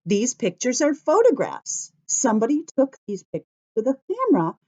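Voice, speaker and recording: Huge pitch swings mark this woman's fairly high, dark-toned voice as she talks at normal speed. She leads craft and story time, guiding young children through simple steps with encouraging questions.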